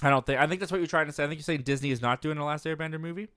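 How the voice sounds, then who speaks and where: A young man in his twenties runs a casual live movie stream and chats his way through viewer comments. His slightly raised voice sounds smooth and clear. He speaks close to the mic in a dry room, and his self-deprecating asides end in little laughs. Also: a little high, rapid-fire, a bit bright, no echo. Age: 20s. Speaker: host of a live movie show.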